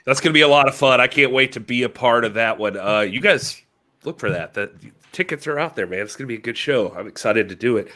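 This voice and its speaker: Man, podcast co-host, casual chat, bright forceful voice, joking. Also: mid-range voice, lively intonation, fast talker. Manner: joking, conversational, reads chat messages aloud.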